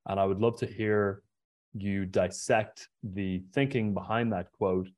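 Deep-voiced Irish man hosting a podcast. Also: steady tone, unhurried, darkish tone, dry recording. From Ireland. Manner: earnest, reads prepared questions, repeats words. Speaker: podcast host. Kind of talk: interview.

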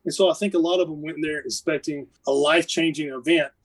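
A man's voice: a little high, fairly even intonation, quick pace, rough recording. A man with an Appalachian accent, a podcast guest telling casual stories about a mission trip in a rambling, self-correcting way. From United States. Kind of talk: casual storytelling.

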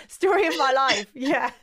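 Over crowd noise, a Northern Irish sports journalist chats casually as an interview guest, her high, expressive voice taking its time. She's from Northern Ireland, speaks with the local accent, and is sociable and self-deprecating.

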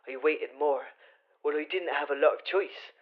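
A woman's voice: deep voice, moderate pace, natural voice. A woman voicing a pompous, self-important male detective in a hobby audio drama, telling his own capture with wry storytelling. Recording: slightly dull lo-fi recording.

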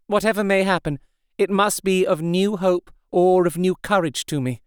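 A man voicing a young woman who is brave and sorrowful, speaking softly and earnestly. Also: high voice, fairly even intonation, normal speed, clear, resonant tone, no room sound, studio quality, pitched above the performer's own voice, natural voice.

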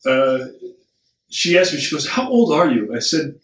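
A man's voice: on the high side, moderate pace, distant mic. A man in his forties chatting casually as a podcast guest, telling stories and acting out the lines of others. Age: 40s. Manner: animated storyteller acting out dialogue. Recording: roomy sound from off mic.

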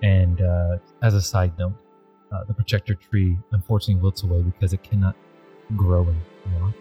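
A man with a low voice serves as game master. He shifts between casual rules talk and scene narration, with music playing behind him. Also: level tone, brisk, mellow.

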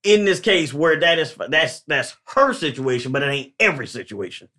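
A man with a fairly high voice talks in a relaxed group conversation. He presses his case with emphasis, often cutting in to hold the floor. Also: normal speed. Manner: emphatic, interrupts to argue points. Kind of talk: casual debate chat.

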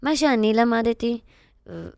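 A woman's voice: fairly high pitch, animated, vocal fry, a little mellow, clear, resonant tone, dry recording. Middle-aged woman chatting on a podcast, slangy, lots of fillers, dry close mic. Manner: slangy, many fillers and restarts. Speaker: podcast guest. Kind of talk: casual podcast chat.

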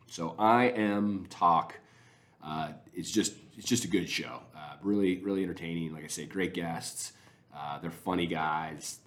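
Deep-voiced man rambling with enthusiasm. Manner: rambling, enthusiastic, many restarts. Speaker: podcaster. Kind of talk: casual spoken recommendations.

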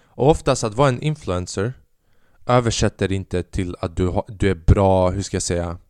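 A young man with a fairly low voice hosts his own podcast and rambles through a story in a self-mocking way. He slips into a higher voice when he quotes people. The sound is dry and close to the mic. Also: darkish tone, smooth, no echo. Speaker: podcast host. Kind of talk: casual storytelling monologue.

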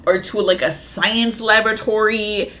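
A woman's voice: medium pitch, steady tone, measured pace, bright, forceful tone. A woman co-hosting a casual podcast, talking bluntly and emphatically with plenty of swearing. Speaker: podcast co-host. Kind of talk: casual movie chat.

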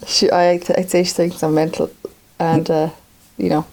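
A woman's voice: low-pitched, flat delivery, moderate pace, a little mellow, poor audio. An Irish woman co-hosting a podcast, chatting casually in a colloquial way. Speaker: podcast co-host. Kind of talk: casual chat.

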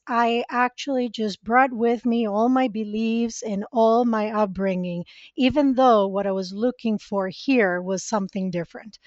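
A woman's voice: on the high side, a little mellow, no echo, muffled recording. A woman from Costa Rica, a spiritual mentor, telling her personal story earnestly as a guest in a conversational interview.

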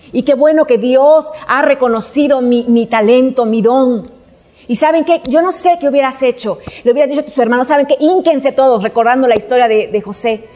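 A woman's voice: high-pitched, a little mellow. A woman preaching a sermon, telling a Bible story and asking the listeners questions.

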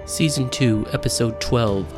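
A man's voice: medium pitch, unhurried, music in the background. A man reading a scripted "previously on" recap as narrator of a tabletop game show, in a dramatic storytelling delivery.

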